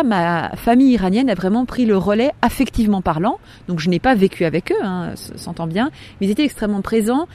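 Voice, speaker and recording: A woman in her forties tells a personal story as a podcast guest. Her voice is mellow and warm, with a pitch in the middle for a woman. She speaks hesitantly, pausing and restarting often as she searches for words. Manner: hesitant, with frequent pauses and restarts.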